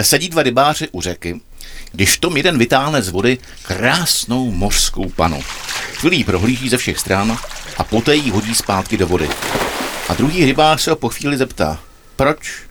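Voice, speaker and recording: A man's voice: medium pitch, sing-song, noisy background. A man telling jokes on a radio comedy segment, storytelling and laughing at the punchlines. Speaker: radio joke teller.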